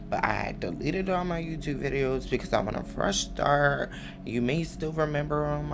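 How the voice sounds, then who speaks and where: Slow, gravelly man chatting on a stream. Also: fairly low pitch. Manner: rambling, repeats "all that good stuff", drops into soft asides. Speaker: streamer and musician. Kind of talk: casual livestream chat. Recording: clear background music. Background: clear music playing.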